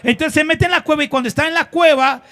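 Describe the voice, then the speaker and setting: A man with a notably high voice preaches a sermon in a church, pressing his listeners with question after question. He swings from loud exhortation down to hushed, drawn-out emphasis and has the congregation repeat lines back to him. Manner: preaching with rhetorical questions and call-and-response. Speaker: pastor.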